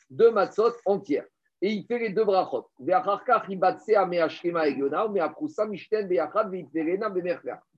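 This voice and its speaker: A man teaching a Torah lesson in French mixed with Hebrew terms, asking rhetorical questions and explaining step by step. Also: high-pitched. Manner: lively, rhetorical questions, addresses listeners as Rabotai. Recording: dull lo-fi recording.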